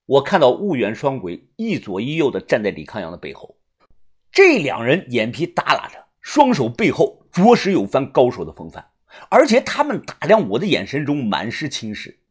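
Husky, lively male audiobook narrator. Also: mid-range voice, moderate pace. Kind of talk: first-person novel narration.

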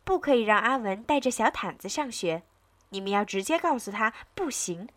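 A woman's voice: a little high, lively intonation, normal speed, close to an everyday voice. A woman voicing a meddling neighbor lady who lectures the parents in a storybook reading. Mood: lecturing. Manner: lecturing, preachy.

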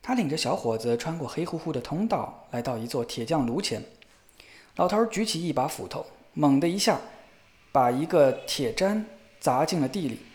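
A man narrating a fairy tale in a lively, expressive storybook reading. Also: fairly high pitch, moderate pace.

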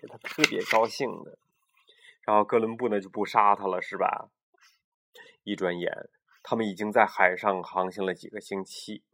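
A man in his thirties, a father reading a bedtime storybook to his child, gentle, with explaining asides. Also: on the low side, fairly even intonation, normal speed.

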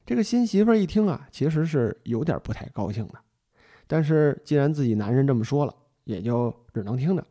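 A man's voice: medium pitch, sing-song, a little fast, mellow. A man retelling a mystery novel in a chatty, folksy storytelling style, speaking straight to the listener. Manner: chatty, addresses the listener directly, folksy asides. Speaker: book storyteller.

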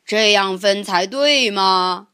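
A woman's voice: medium pitch, slow, sharp tone, clear, resonant tone, no echo, clean studio sound, voice pushed down. A woman voicing a big, bossy male tiger who laughs smugly, in a children's storybook reading.

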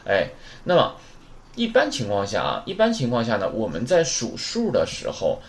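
A man's voice: fairly low pitch, huge pitch swings, moderate pace, creaky. A man teaching a beginner Japanese class in a casual, chatty way, drilling numbers aloud and asking rhetorical questions. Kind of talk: casual spoken lesson.

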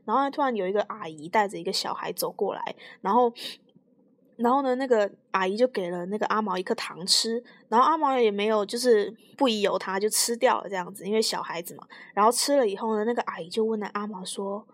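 A young woman co-hosting a podcast, telling a spooky story slowly and casually, often laughing. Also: mid-range voice, dry recording, clean studio sound. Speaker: podcast co-host.

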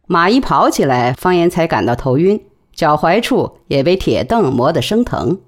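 A woman narrating a novel in an expressive storytelling manner. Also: low-pitched, normal speed. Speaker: audiobook narrator. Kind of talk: novel reading.

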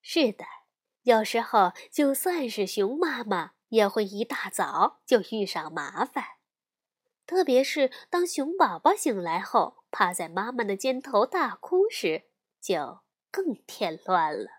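A woman reading a children's picture book aloud in an expressive storytelling manner. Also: medium pitch, takes it slowly, slightly rough.

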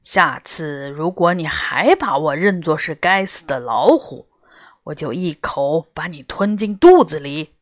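A woman voicing a grumpy, fierce male tiger-like beast in a storybook, speaking in a gruff, curt and irritable way. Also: deep voice, lively intonation, unhurried, no room sound, studio quality, voice pushed down. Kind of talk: storybook character voice.

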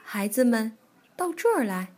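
A woman voicing a kindly old grandmother bear in a children's storybook, speaking softly and lower than her own voice. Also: very animated, a little slow, faint music behind. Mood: gentle. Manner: soft, kindly, soothing.

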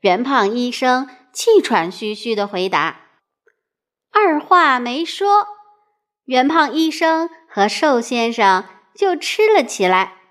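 Woman storyteller for a children's book, high, lively, unhurried, playful asides. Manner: expressive, with playful questions to the listener.

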